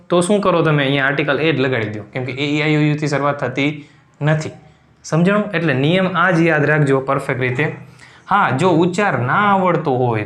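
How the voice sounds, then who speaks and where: A man with a Gujarati accent teaches a recorded lecture in a slightly higher voice than most men. He keeps checking that his students follow along with short questions. The room is echoey. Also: fairly bright tone.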